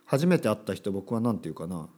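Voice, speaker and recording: Lowish and dark in tone, this man's voice has a sing-song lilt, and he talks fast. On his casual solo podcast for Japanese learners, he muses aloud and caps sentences with little asides. He performs brief sample dialogues in a more energetic voice.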